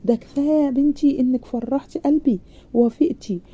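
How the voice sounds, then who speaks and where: A woman's voice: high voice, fast talker, lo-fi sound, voice pushed up, natural voice. A woman doing a fatherly older Egyptian man. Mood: reassuring. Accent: Egyptian Arabic. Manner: warm, fatherly, insistent.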